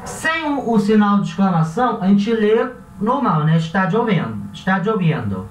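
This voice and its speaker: A Brazilian man with a relaxed, chatty teaching manner who often corrects himself and checks in with his listeners. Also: high voice, moderate pace. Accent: Brazilian Portuguese. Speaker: language teacher. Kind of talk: casual classroom explanation. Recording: echoey room, voice a bit far from the mic.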